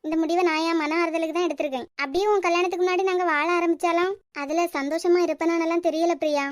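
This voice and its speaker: Woman, Kanyakumari Tamil accent, very high voice, fast, dry close sound. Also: steady tone, dry recording. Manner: emotional, heartfelt dialogue. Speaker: cartoon voice artist. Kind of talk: cartoon serial voicing.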